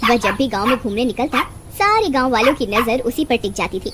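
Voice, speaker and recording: Female storyteller for scripted children's tales; high pitch, very expressive intonation. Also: fairly quick, heavy background noise.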